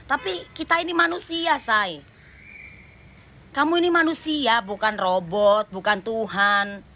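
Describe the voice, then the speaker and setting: A woman's voice: a little high, a little slow, sharp tone, a little hiss or hum. A woman giving a general tarot reading, talking straight to the viewer in an emphatic, repetitive way. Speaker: tarot reader.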